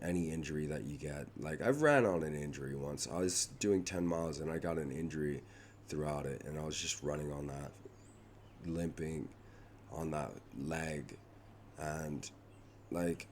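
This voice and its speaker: A young man rambling through a personal vlog update, halting and restarting often, his voice going hoarse. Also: a bass voice, a little mellow, slight background noise. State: losing his voice. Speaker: vlogger.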